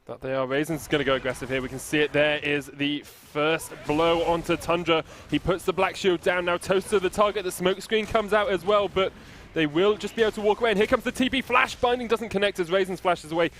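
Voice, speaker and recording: A man's voice: high voice, fairly even intonation, fairly quick, hardly any pauses, a bit bright, slight background noise. A man with a British accent calling esports action play-by-play, his delivery surging with the fights. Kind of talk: excited play-by-play commentary.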